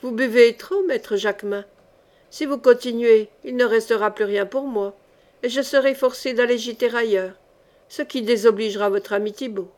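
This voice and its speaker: A woman's voice: a little high, normal speed, darkish tone, natural voice. A woman reading the part of an ironic, fearless male chevalier, with a dry, mocking delivery that turns threatening. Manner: dry, mocking, then menacing.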